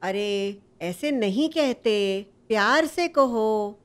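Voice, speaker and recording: A woman voicing a gentle, motherly older woman giving soft advice. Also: mid-range voice, lively intonation, extremely slow. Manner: gentle, advising.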